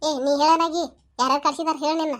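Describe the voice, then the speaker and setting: A woman playing an angry village mother who lectures and threatens loudly, with a North Karnataka Kannada accent. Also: high-pitched, fairly even intonation, quick pace, lightly acted. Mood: furious. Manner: loud scolding lecture.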